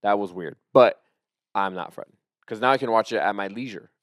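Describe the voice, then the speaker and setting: Rambling man with a smooth low voice. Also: fairly quick, no echo, clean studio sound. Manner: rambling, excitable, trails off and restarts. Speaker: podcast co-host. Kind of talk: casual chat.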